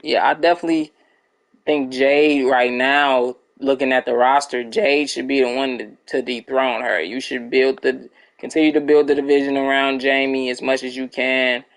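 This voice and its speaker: A man's voice: mid-range voice, flat delivery, normal speed, poor audio. A young man chatting casually and rambling to his viewers while streaming a game. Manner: laid-back, rambling, talks to chat. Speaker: gaming streamer. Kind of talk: casual gameplay chat with viewers.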